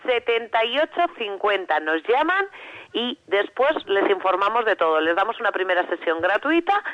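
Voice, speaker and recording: A woman from calling in to a radio show, giving a chatty, persuasive sales pitch over the phone. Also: very animated, moderate pace, no echo. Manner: chatty, persuasive, friendly diminutives. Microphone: telephone. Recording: muffled phone line.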